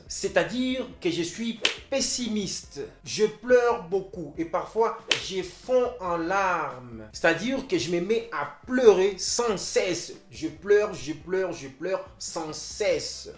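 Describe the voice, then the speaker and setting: A man's voice: sits high, sing-song, takes it slowly, few pauses. A man teaching a French lesson who repeats example phrases and acts out how each one sounds. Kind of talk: language lesson. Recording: roomy with faint music.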